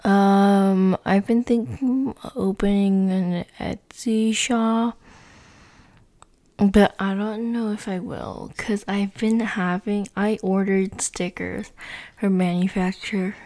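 Soft, slow, gravelly teen girl rambling. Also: mid-range voice, steady tone. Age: teens. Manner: rambling, halting, heavy on fillers. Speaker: podcast host. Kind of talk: casual chat.

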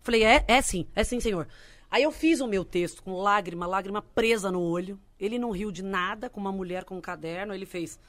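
A young adult woman, a comedian, tells a story in casual chat, animatedly acting out the people she quotes. Her voice is mid-range and her pace brisk.

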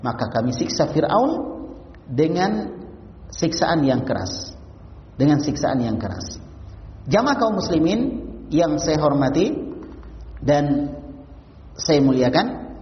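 High-voiced male preacher in an echoey hall. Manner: asks the congregation repeated rhetorical questions; recites Arabic verses, then translates them. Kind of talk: mosque study-circle sermon. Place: mosque hall. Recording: distant, echoey, dull-sounding hall recording.

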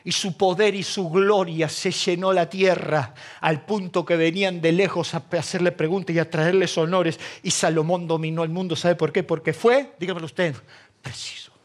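A man with an Argentine accent preaching a sermon as pastor, swinging between loud passion and hushed quiet. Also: sits high, fairly even intonation, normal speed. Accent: Argentine Spanish.

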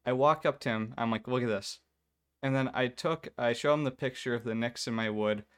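A man's voice: medium pitch, fairly quick, a bit bright, clean tone. A young man co-hosting a casual chat, telling a story and acting out the people in it. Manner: storytelling, mimics others in quotes. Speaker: podcast co-host.

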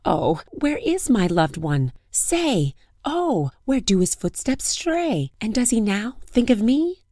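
Woman putting on a grieving young princess, pleading, slow singsong verse, mellow tone, dry sound. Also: on the high side, sing-song, dry recording, voice pushed up, exaggerated voice. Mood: plaintive pleading.

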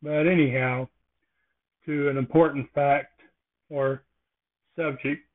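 A man talks alone on his podcast, drifting from one jokey observation to the next. He speaks slowly in a somewhat high voice. The sound is thin and tinny, like a phone line. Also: steady tone. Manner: rambling, jokey observational musings. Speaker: podcast host. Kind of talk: casual solo podcast monologue.

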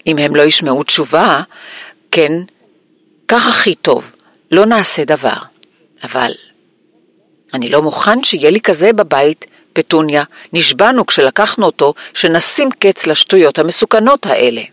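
A man's voice: on the high side, very animated, pauses often, no echo. A man doing a blustering, bullying uncle. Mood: rattled, muttering. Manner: shouting, blustering, sneering. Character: blustering angry middle-aged uncle, bullying.

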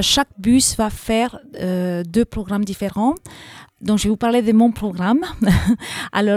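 Mellow woman with an American accent. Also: mid-range voice, dry recording, studio quality. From Texas, USA. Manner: hesitant, many filler pauses. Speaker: English teacher. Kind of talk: radio interview answers. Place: school.

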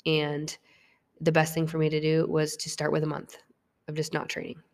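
A woman's voice: sits low, completely flat delivery, moderate pace, big-room sound. A young woman, a fitness coach, talking frankly and confessionally about herself, swearing freely and often restarting her sentences. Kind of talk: candid personal monologue.

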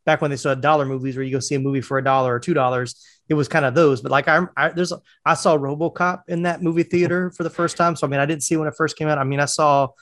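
A man's voice: fairly high pitch, fairly even intonation, quick pace, a bit bright, no room sound, studio quality. A man in his forties from North Carolina, chatty in casual podcast talk, who laughs easily. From North Carolina, USA. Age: 40s.

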